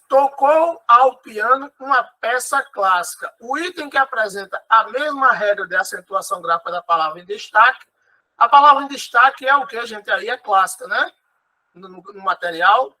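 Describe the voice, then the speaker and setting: A man's voice: high voice, bright, forceful tone, poor audio. A Brazilian man teaching an online exam-prep lesson. He explains patiently, repeats key words and keeps checking in with his students.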